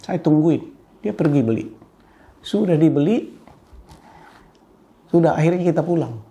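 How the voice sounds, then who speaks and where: An older man, telling a personal story to an audience in an animated way with sudden pitch jumps. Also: measured pace. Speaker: speaker addressing an audience. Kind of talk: storytelling talk.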